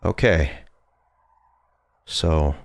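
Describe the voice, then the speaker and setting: A man's voice: extremely low pitch, very slow, vocal fry, no echo, clean studio sound. A man in his twenties live-streaming a horror game with casual, nervous, scared commentary and some swearing. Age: 20s.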